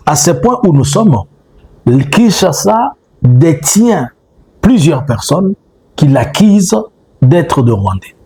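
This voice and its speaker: A man giving spoken political analysis, measured, with frequent rhetorical questions and hesitant fillers. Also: on the high side, dark tone. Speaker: political commentator.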